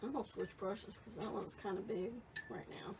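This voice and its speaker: A woman's voice: mid-range voice, steady tone, moderate pace, gravelly, far from the mic, noisy background. A woman in her late fifties giving a casual, chatty painting lesson and reading viewer comments as she works. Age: 50s. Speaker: painting instructor. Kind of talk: live painting tutorial.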